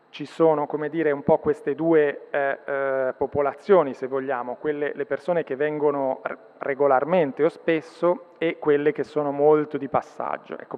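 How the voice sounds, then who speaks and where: Male presenter in a big hall, even flat delivery, clean voice, tinny with long reverb. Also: medium pitch. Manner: hesitant, many fillers. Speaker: conference presenter. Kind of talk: formal presentation. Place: large conference hall.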